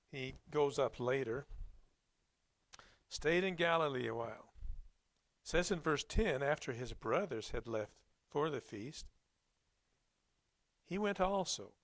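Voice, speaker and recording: A man preaching a Sunday sermon, reading scripture and commenting on it in a plainspoken, reflective, halting way. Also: medium pitch, lively intonation, a bit bright, no echo.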